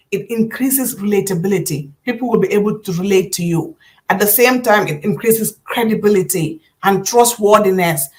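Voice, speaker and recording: A woman business coach teaching a live online class, talking conversationally, addressing listeners directly and giving step-by-step instructions. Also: lowish voice.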